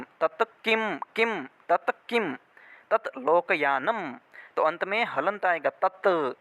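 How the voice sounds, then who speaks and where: A man teaching a spoken Sanskrit lesson, drawing out the model phrases slowly and often checking whether the class has understood. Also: a little high, sharp tone, dry recording. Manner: slow, drawn-out model phrases with frequent check-ins.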